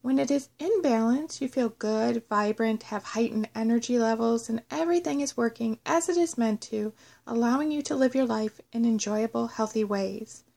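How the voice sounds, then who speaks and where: A woman narrating a scripted guided meditation in a measured, instructional way. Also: on the high side, vocal fry, mellow. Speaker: host of a guided self-love meditation audio.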